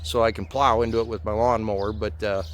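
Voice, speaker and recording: A man's voice: lowish voice, level tone, fast talker. Male vlogger, American, thirties, casual and hesitant, slightly muffled lip, outdoor recording with light ambient noise. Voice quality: slightly muffled speech from a lip full of dip. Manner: folksy, hesitant, rambling. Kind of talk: casual chat to camera. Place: outdoors in a farmyard. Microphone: camera or phone at about arm's length.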